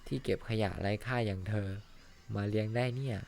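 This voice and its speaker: A man's voice: on the low side, brisk, creaky, a little mellow. A man voicing a harsh middle-aged male boss in a fan-dubbed cartoon, talking in a scornful, insulting way. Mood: contemptuous. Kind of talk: Thai fan dub of an animated series.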